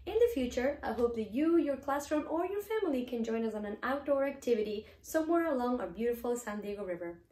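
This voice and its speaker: A woman's voice: on the high side, lively intonation, fast, hardly any pauses, mellow, roomy sound. Woman reading a children's story. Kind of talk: reading a children's picture book aloud.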